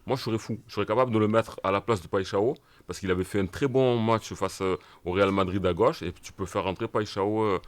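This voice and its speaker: A man's voice: fairly low pitch, fairly even intonation, quick pace, hardly any pauses. A man giving his opinions as a panelist in a casual football chat.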